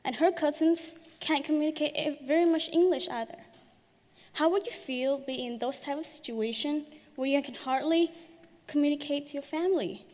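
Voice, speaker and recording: A teenage girl from Thailand giving an earnest, prepared talk on stage, her phrasing a little halting. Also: high-pitched, darkish tone, in a large hall. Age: teens. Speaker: youth speaker. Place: large hall.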